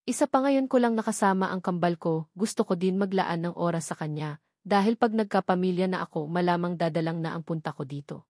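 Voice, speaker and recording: With a lowish, slightly mellow voice and a brisk pace, a woman with a Filipino accent narrates a first-person novel for an audiobook. The sound is clean studio audio with no room sound.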